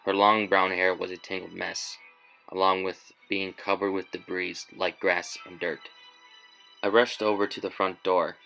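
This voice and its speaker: A man narrating a scripted first-person horror story in a measured, tense way. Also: deep voice, flat delivery, creaky, sharp tone, soft background music, low-quality recording.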